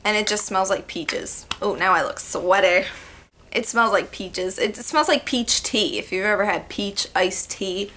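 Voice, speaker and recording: A young woman talks straight into her webcam in a small bedroom, loose and rambling, her speech full of little fillers. Her tone is bright and crisp, sitting at an ordinary pitch. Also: unhurried, a little hiss or hum. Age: young adult. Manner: chatty, rambling, lots of "like" and "yeah". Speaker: beauty vlogger. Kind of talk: casual haul vlog. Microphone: webcam in front of her.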